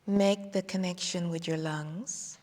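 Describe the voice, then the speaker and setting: Brief: female meditation guide, unhurried and calm, soft whispers, reverberant hall. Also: on the low side. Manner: slow, soothing, drifting into whispers. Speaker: qigong instructor.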